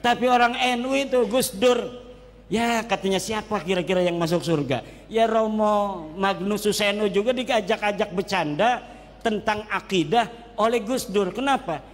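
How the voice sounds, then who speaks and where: High-voiced man, reverberant hall. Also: moderate pace. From Banten, Indonesia. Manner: lively, joking, drops into local Sundanese and Javanese phrases. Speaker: Islamic cleric speaker. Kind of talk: lecture-style religious talk.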